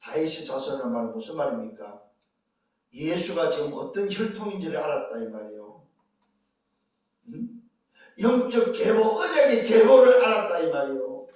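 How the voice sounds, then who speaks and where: A man's voice: on the high side, sing-song, moderate pace, pauses often, a little mellow. A man preaching a sermon as pastor, emphatic and full of rhetorical questions to the congregation. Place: church sanctuary. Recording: echoey church hall, distant mic.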